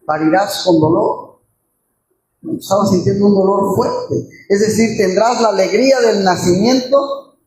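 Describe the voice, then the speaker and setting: A man's voice: sits high, darkish tone. A man preaching a sermon, telling a story with feeling and asking the congregation rhetorical questions. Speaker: pastor. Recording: very echoey church with faint room noise.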